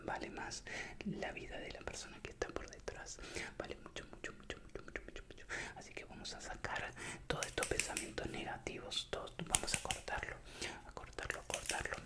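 Young Latin American man whispering a pep talk. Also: a little fast. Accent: Latin American Spanish with voseo. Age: young adult. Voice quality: breathy unvoiced whisper. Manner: soothing, repetitive, encouraging. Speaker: ASMR creator. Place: small indoor room with bare wall. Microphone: desk microphone up close.

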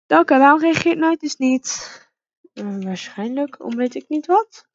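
Excitable woman playing a horse game. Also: high voice, a little slow, dry recording, dull audio. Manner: excitable, calling out to her horse. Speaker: let's play gamer. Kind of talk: casual game commentary, reading dialogue aloud.

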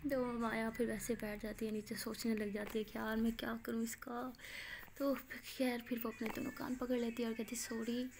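A woman's voice: fairly high pitch, level tone, normal speed, creaky, a little mellow, a little hiss or hum. A woman retelling a love story in a casual, chatty way with many fillers.

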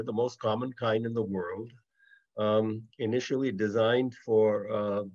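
An older man giving an online lecture with slides over a video call, explaining plainly with a little humor, heard as a screen recording. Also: mid-range voice. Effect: video call audio from a screen recording. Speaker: guest speaker. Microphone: computer mic on a video call. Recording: dull lo-fi video call audio.

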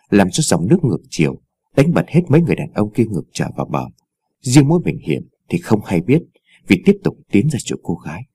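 A man narrating a ghost story in a dramatic, expressive reading on a close mic. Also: on the low side, breathy edge, no room sound.

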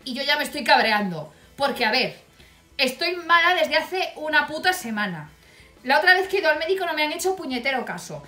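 A woman tells a personal story for her vlog, bright and fairly high in voice. She talks bluntly and wryly, with no filter on her swearing. The room around her rings with echo, and faint music plays underneath. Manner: blunt, profane, wry storytelling. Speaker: vlogger.

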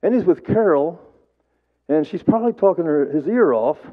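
A man giving a eulogy to an audience, telling stories in a rambling, halting way with repeated words and folksy humor. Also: on the high side, lively intonation. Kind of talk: storytelling speech to a gathered audience. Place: memorial service, before an audience. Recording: tinny phone-like sound.

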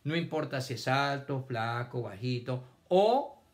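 Slow, lively-voiced male teacher. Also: medium pitch. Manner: slow, patient, stretches words syllable by syllable. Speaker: primary school teacher. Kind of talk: children's reading lesson. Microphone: camera on a stand.

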